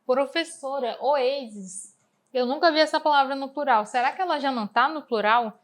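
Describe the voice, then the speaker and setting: A woman's voice: high-pitched, normal speed. A woman English teacher with a Brazilian Portuguese accent, explaining exam answers patiently and asking and answering her own questions.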